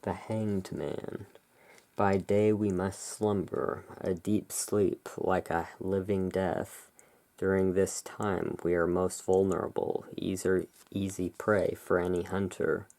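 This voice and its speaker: Hushed and a bit theatrical, this gothic ASMR roleplay comes from a tarot deck reviewer and ASMR creator with a low voice full of fry. The pace is very slow, moving between card readings and easygoing remarks.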